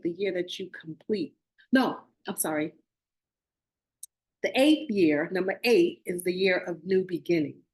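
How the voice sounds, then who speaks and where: Earnest rambling woman podcast host. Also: lowish voice. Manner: earnest, rambling with restarts and self-corrections. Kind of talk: casual spiritual talk.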